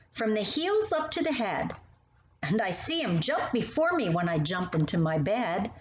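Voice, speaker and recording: A woman with a slightly high voice reads poems and stories to young children, animated and expressive, addressing the listener directly. The sound is roomy and muffled, with faint noise.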